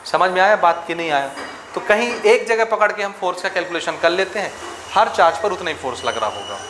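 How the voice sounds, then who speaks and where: A man teaches physics to a class in a slightly high voice, working numbers out aloud and asking students for answers. The room is echoey, with faint noise behind him. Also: animated, a little fast. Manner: asks students questions, works sums aloud. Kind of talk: classroom lecture.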